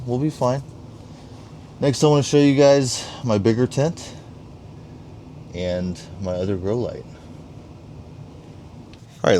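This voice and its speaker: A man with a very low, deep voice talks eagerly through a casual vlog, often addressing viewers as "ladies and gentlemen." He records indoors beside his grow tents, with a faint hiss behind him. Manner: enthusiastic, keeps saying "ladies and gentlemen". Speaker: home grower vlogger. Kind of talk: casual show-and-tell vlog.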